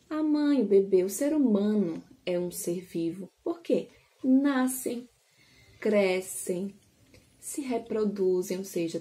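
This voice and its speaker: A Brazilian Portuguese woman teaches little children, drawing each syllable out very slowly and coaxing them with questions. Her voice is soft and mellow. The recording has a roomy echo. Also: mid-range voice. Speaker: preschool teacher. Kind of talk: slow, sing-song phonics lesson for small children.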